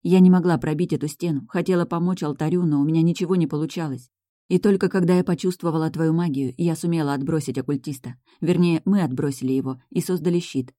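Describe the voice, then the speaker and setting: Calm first-person audiobook reader, measured pace, warm mellow tone, close dry studio sound. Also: medium pitch, dry recording. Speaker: audiobook narrator.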